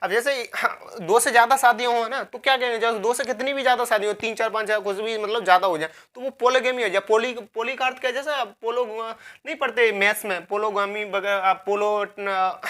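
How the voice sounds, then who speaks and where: A woman's voice: a little high, fairly even intonation, brisk, hardly any pauses, a bit bright. A woman teaching a vocabulary lecture, repeating key words, asking herself questions and spelling words out letter by letter.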